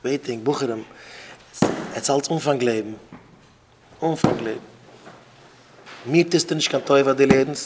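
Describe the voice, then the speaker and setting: A man preaching to a room of students in an unpolished, conversational sermon. His pitch sits in an ordinary middle range as he hammers lines home by saying them twice. He jumps from loud bursts to quiet asides, with a faint hiss of noise behind him. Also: moderate pace, pauses often. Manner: emphatic, repeats phrases for effect. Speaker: rabbi giving a talk.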